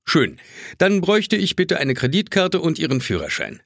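A man's voice: on the high side, wildly swooping pitch, normal speed, vocal fry, a bit bright, no room sound, studio quality, pitched above the performer's own voice, exaggerated voice. A man voicing a condescending male car rental clerk in an audiobook, with a curt, falsely friendly manner. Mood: smarmy.

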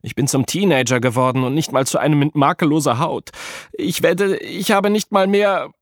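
A man voicing a vain teenage god turned human who wails shrill, melodramatic complaints, in a German audiobook. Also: moderate pace, dry recording, clean studio sound, natural voice. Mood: wailing.

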